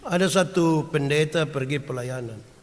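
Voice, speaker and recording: A man preaching a sermon, animated and storytelling, swinging from loud acted quotes to hushed asides and asking the congregation questions. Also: fairly high pitch, moderate pace. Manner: homely storytelling with humor and rhetorical questions. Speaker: pastor. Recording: long hall reverb.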